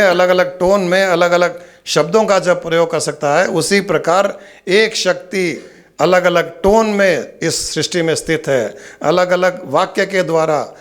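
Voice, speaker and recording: Male spiritual teacher, slightly high voice, slow measured delivery, answers his own questions. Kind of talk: spiritual discourse.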